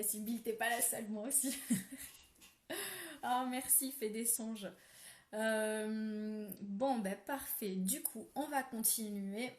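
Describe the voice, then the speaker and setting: A woman speaks gently as she hosts a live-streamed spiritual ritual. She reads out viewer comments in a relaxed way, with frequent fillers. Her mid-pitched voice sits in a roomy, echoing space. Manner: soft, gentle guidance with many fillers. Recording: roomy echo.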